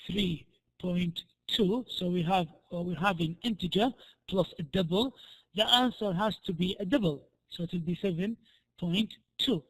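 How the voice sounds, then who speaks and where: A male lecturer with a high-pitched voice that sounds hoarse and tired from use. He explains worked examples step by step, haltingly, often doubling back to repeat or restart a phrase. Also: fairly bright tone, low-quality recording. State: hoarse, voice worn out from a previous lecture. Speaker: programming lecturer.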